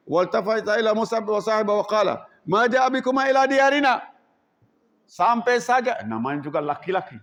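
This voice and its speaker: A man preaching a sermon to students as head of a religious school, animated, repeating his phrases and acting out scenes. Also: high-pitched.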